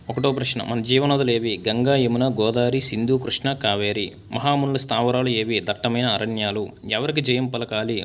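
A man teaching a school lesson, reading out its questions and answers in a steady, measured, listing way. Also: medium pitch, slight background noise.

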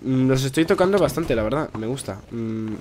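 A man's voice: medium pitch, animated, normal speed, background noise. A man with a Spain Spanish accent giving casual, rambling gameplay commentary, swearing freely as he talks. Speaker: gaming YouTuber.

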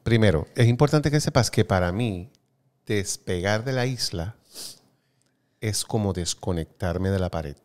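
A man's voice: fairly low pitch, expressive, a little slow, darkish tone. Playful man hosting a chat. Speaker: host. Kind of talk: casual chat, storytelling.

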